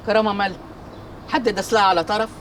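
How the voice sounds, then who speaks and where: An actress playing a proud, defensive older matriarch with an Egyptian accent, speaking firmly and rhetorically. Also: female voice, mid-range voice, steady tone, rapid-fire, far from the mic, a little hiss or hum, lightly acted. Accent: Egyptian Arabic. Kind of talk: TV drama acting.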